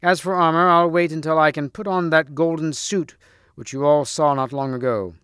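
A man's voice: on the high side, fairly even intonation, moderate pace, smooth, dry recording, clean studio sound, pitched above the performer's own voice, natural voice. A man voicing a bold, fearless young knight who talks in a raised, eager voice. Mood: defiant. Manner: raised, eager, shouting taunts.

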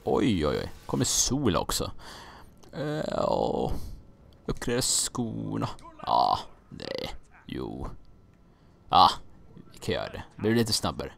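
A man's voice: fairly low pitch, huge pitch swings, vocal fry, pauses often. A young man from Sweden casually commenting on his own gameplay, rambling, joking and getting confused, with some mild swearing. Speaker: gaming let's-player.

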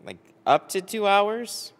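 Here the American livestream host, a window tinter in his early thirties, sounds high-pitched and sing-song while he chats loosely with viewers. He pauses and drifts as he thinks out loud. His boom-arm mic sits close, yet the big garage workshop with its boat lends a long, hall-style reverb.

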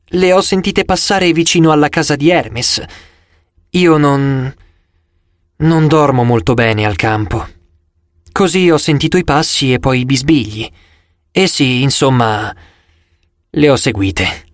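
A man's voice: medium pitch, unhurried, long pauses, no echo, studio quality, close to an everyday voice. A man voicing an eager, awkward young boy in an audiobook. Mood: sheepish.

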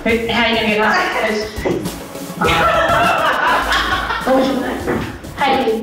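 A distant, very echoey stage recording with loud music carries a woman's voice. She is a middle-aged comedy host, bantering with volunteers and steering them with playful instructions. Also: on the high side, steady tone, normal speed. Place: indoor stage with seated audience. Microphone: handheld mic through PA, recorded by far camera.

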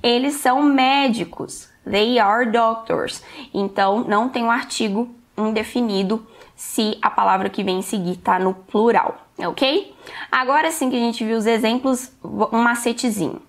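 A woman's voice: a little high, moderate pace. A woman teaching an online English lesson, explaining step by step and often checking in with "ok?".

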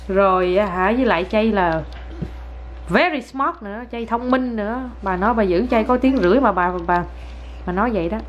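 A woman's voice: medium pitch, moderate pace, muffled recording, slight background noise. A young woman, a mother talking casually to camera while coaxing her toddler at home. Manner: chatty, coaxing, sing-song talk to a child. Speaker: vlogger, mother.

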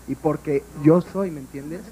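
A man's voice: a little high, measured pace, dark tone, slight background noise, low-quality recording. A young man from Mexico, a band member on a talk show, speaking emphatically and insisting on his point. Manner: emphatic, insistent, keeps asking for agreement.

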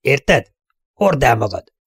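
A man's voice: medium pitch, big pitch swings, slightly rough, no room sound, full character voice. Blunt, domineering saloon bully voiced by a man, dry close audiobook sound. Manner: blunt and bossy. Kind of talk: audiobook character voice.

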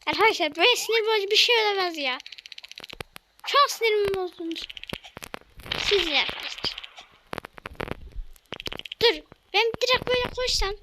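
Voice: very high voice, lively intonation, normal speed, pauses often, background noise. A young gamer giving casual commentary while playing, talking to themself and often exclaiming in frustration. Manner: talks to self, exclaims, easily frustrated. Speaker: gamer playing a platform game.

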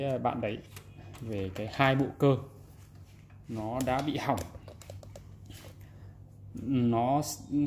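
This repair video is presented by a man whose mid-range voice has a darkish tone. Working at an indoor workbench, he explains things casually and demonstratively, and the audio picks up background noise and room ambience.

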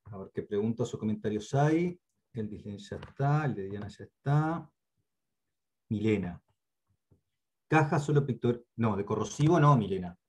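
A man's voice: on the low side, lively intonation, moderate pace, pauses often, a little mellow. Man, Uruguayan accent, online instructor, patient, repeats himself, frequent check-ins, "eh" fillers, computer mic. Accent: Uruguayan Spanish. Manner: hesitant fillers and restarts; patient, repeats key points. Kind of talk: online training lecture. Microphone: computer mic on a video call.

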